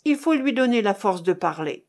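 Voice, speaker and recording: A woman's voice: medium pitch, very animated, moderate pace, a little mellow. Woman reading as a frantic young farmer. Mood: desperate. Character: distraught young male farmer, frantic and loving. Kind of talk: audiobook dialogue reading.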